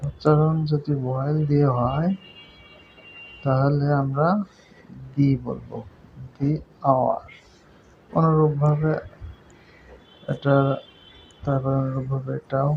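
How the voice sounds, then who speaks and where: Patient man teaching, flat delivery. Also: medium pitch, slow pace, gravelly, long pauses. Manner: patient, repeats points, checks understanding. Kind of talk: explaining a grammar lesson. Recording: dull lo-fi recording with faint noise.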